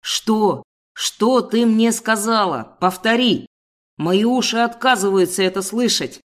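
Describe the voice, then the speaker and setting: A woman's voice: mid-range voice, expressive, moderate pace, natural voice. A woman voicing a furious bellowing male boss. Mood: raging. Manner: shouting, snarling, hurling insults. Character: furious middle-aged male boss, bullying and crude.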